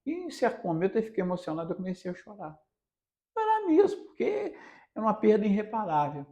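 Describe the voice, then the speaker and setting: Speaking fairly quickly in a high, warm voice whose pitch swoops wildly, a radio reporter from Minas Gerais recounts stories in a casual interview. His Brazilian Portuguese carries the Minas Gerais accent, and he stresses points through emphatic repetition.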